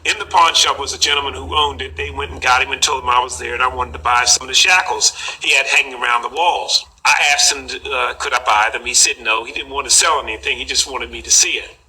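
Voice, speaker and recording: An older man telling a personal story in an unhurried, halting way, with frequent pauses and fillers. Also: medium pitch, steady tone, pushed and bright, slight background noise, low-quality recording. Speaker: collector recounting a story.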